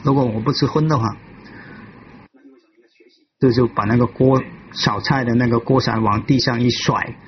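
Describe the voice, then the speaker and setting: A man giving a personal testimony in a halting way, often restarting and repeating himself. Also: medium pitch, fairly even intonation, highs cut off, a little hiss or hum. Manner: halting, with many restarts and repetitions. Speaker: devotee telling his life story.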